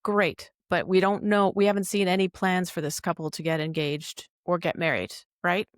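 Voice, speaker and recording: A woman's voice: fairly low pitch, steady tone, moderate pace, no echo, clean studio sound. A woman co-hosting a podcast, chatting casually and explaining what she looked up in detail. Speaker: podcast co-host. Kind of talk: casual recap chat.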